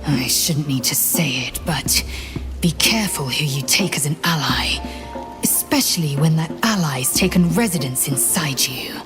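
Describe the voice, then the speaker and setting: A woman playing a stern alien warrior in a video game, clipped, measured and disdainful. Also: low voice, animated. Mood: cold disdain. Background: game music.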